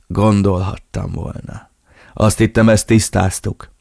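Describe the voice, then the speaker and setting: A man's voice: on the low side, level tone, creaky, mellow, no room sound, studio quality. A man reading an audiobook, voicing a cruel old drug cartel boss who gives orders in a menacing, commanding way. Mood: mocking.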